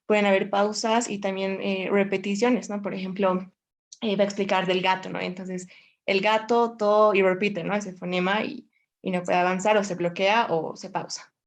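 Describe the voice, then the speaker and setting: A woman's voice: medium pitch, flat delivery, moderate pace. A woman student answering the teacher in an online class, hesitant and giving examples with "¿no?" tags.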